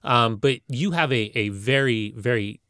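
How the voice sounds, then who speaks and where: A man's voice: mid-range voice, measured pace, fairly bright tone, smooth, dry recording. Casual male interviewer, dry close sound. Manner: rambling, familiar, anecdotal. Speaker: interview host.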